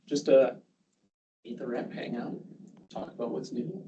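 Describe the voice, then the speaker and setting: A hoarse man, losing his voice, chatting easily before a user group meeting he runs. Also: medium pitch, takes it slowly, dark tone, distant mic, rough recording. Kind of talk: casual chat.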